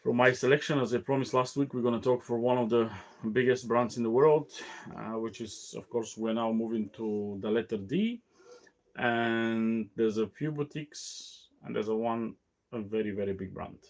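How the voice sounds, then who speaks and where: Halting, tired man hosting a cigar show. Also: medium pitch. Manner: halting, many fillers and restarts. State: tired, yawning. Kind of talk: casual solo talk show.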